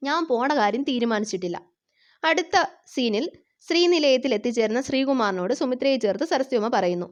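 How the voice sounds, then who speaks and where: A woman narrating and retelling a television serial episode in a plain storytelling reading. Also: sits high. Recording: dull lo-fi recording.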